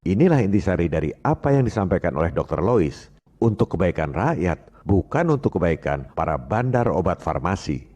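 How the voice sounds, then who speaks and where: A man's voice: sits low, big pitch swings, normal speed, warm tone, breathy edge. A man narrating scripted voice-over commentary in an assertive way, asking rhetorical questions.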